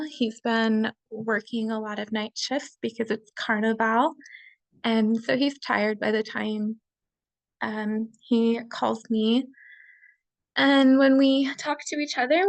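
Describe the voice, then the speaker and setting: A student presents a class assignment as a relaxed slideshow on a video call, chatting, laughing easily and using lots of fillers. She's a young woman with a slightly high, fry-tinged gravelly voice and an unhurried pace. The audio is poor, dry and close-miked, with no room sound.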